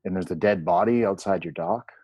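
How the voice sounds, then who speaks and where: A man's voice: low voice, brisk, warm tone, breathy edge, no room sound. A man co-hosting a TV recap with casual commentary. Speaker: co-host of a TV recap show.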